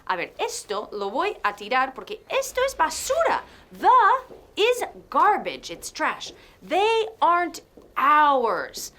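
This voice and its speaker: A woman's voice: high voice, huge pitch swings, slow pace, a bit bright. A woman presenting an English lesson in a short acted sketch, exasperated and repeating phrases for the learner to drill. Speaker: English teacher.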